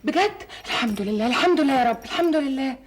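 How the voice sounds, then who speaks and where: A sharp-tongued egyptian girl, high, husky, fast. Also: animated. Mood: snappy. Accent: Egyptian Arabic. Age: young adult. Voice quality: snappy, indignant. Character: headstrong young granddaughter, sharp-tongued. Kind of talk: classic Egyptian stage comedy acting.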